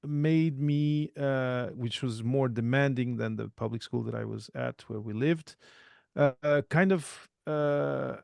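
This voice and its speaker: Gravelly man in his forties. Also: mid-range voice, takes it slowly, a little mellow, dry recording. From Portugal. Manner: thoughtful, self-correcting, many restarts. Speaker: podcast guest. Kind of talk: casual interview talk.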